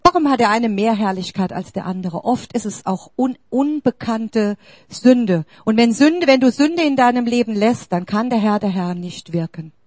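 A woman's voice: on the high side, normal speed, a little mellow, no echo. A woman preaching a sermon, emphatic, questioning the congregation directly and rising to exclamations.

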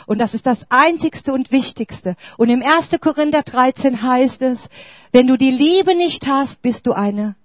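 A woman's voice: fairly high pitch, no room sound. A woman preaching a sermon, emphatic, questioning the congregation directly and rising to exclamations.

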